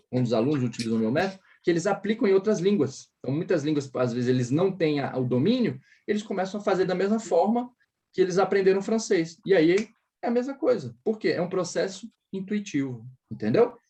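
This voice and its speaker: A man's voice: high-pitched, animated, fairly quick, warm tone, husky. A man with a Brazilian Portuguese accent giving a casual one-on-one French lesson, explaining patiently, modelling sounds for his student to repeat and often checking that she follows. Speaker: French teacher.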